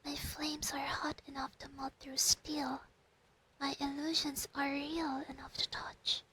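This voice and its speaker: A woman voicing a clingy, proud female fox spirit familiar in a whispered role-play, breathy and intimate on a close binaural microphone. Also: high voice, level tone, unhurried, sharp tone, low-quality recording. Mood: hurt, possessive.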